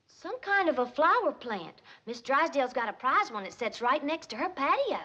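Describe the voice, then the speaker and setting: An actress playing a gentle, plain-spoken young country girl with a rural Southern accent. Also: high voice, very animated, normal speed, full character voice. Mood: earnest.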